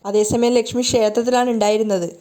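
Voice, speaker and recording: Fast-talking woman narrating a serial recap. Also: fairly high pitch, fairly even intonation, mellow. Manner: rapid storytelling, reads all parts.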